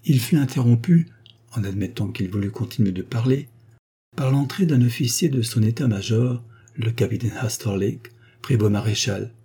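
Warm, husky male narrator. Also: medium pitch, moderate pace. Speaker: audiobook narrator. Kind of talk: scripted story narration.

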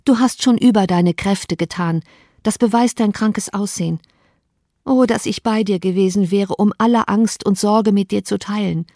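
A woman voicing a sharp-witted young woman who speaks with reproach and exclamation. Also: mid-range voice, moderate pace, no room sound, studio quality, lightly acted. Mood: tender.

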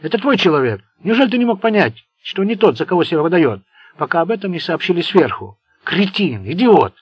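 A man's voice: lively intonation, quick pace, breathy edge, no echo. A man doing a screaming, hysterical mob boss. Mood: furious. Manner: shouting, shrill insults. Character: furious hysterical male crime boss, quick to scream.

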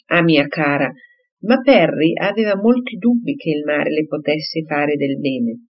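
In a slightly muffled audiobook recording, a man with a somewhat high voice speaks a little slowly as he portrays a fretful, doting elderly father. The older character fusses in a raised voice.

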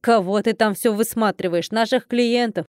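A woman voicing a carefree, sloppy innkeeper woman in an audiobook, in a brash, lowered, gruff manner. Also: normal speed, dry recording, studio quality, natural voice. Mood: grumbling.

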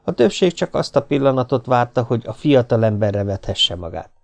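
Man, audiobook narration, gravelly voice, steady, middle pitch. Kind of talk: scripted narration.

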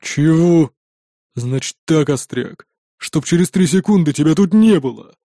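A man's voice: a little high, expressive, unhurried, dark tone, no room sound, studio quality. A man voicing a huge, rude male doorman who talks in a blunt growl. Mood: threatening.

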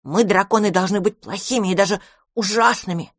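A woman's voice: mid-range voice, fairly quick, no echo, clean studio sound, close to an everyday voice. A woman voicing a small male baby dragon who boasts that dragons must be bad, and turns whiny when he feels unwanted. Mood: plucky. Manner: plucky, whiny when hurt.

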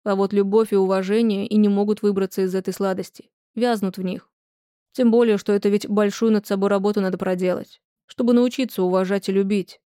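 Brief: woman reading a patient, reasoning young man, mellow tone, dry close sound. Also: mid-range voice, a little fast, clear, resonant tone, no echo, lightly acted. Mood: calm. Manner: calm, reasoning.

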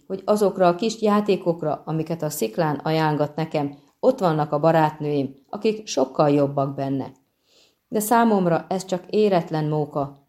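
A haughty, petulant siren shrills her demands, as a woman reader puts her on. The storybook sea creature sounds high and indignant, pushed up well above a dark, mellow reading voice. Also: close to an everyday voice. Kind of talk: audiobook reading.

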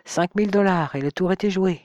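A spiteful young man who drags out every taunt, as a male narrator voices him. The tone sits a little high, and the recording is close and completely dry. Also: a little fast, a little mellow, dry recording, lo-fi sound, natural voice. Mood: gloating. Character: scheming young man, mocking and bitter.

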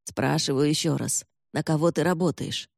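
A woman's voice: low-pitched, steady tone, moderate pace, vocal fry, no room sound, clean studio sound. A woman voicing a fierce young warrior woman who speaks harshly, almost growling.

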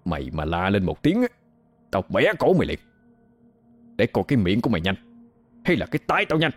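A man voicing a cruel young rich man who speaks in low, cold, threatening tones. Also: wildly swooping pitch, brisk. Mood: menacing.

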